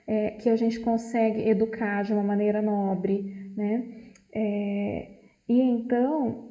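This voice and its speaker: A woman's voice: fairly high pitch, gravelly, warm tone. A woman presenting a book study to a group, explaining at length and tagging her sentences with questions. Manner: explanatory, frequent "né" tags. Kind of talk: informal book study talk. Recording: dull lo-fi, roomy echo.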